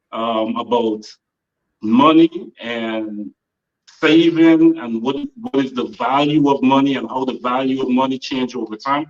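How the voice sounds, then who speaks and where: Man with a Guyanese background on a distant, dull phone mic. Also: medium pitch. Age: 40s. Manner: measured, trailing off with frequent uhs. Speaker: author guest. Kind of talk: interview answers. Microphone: phone held by another person.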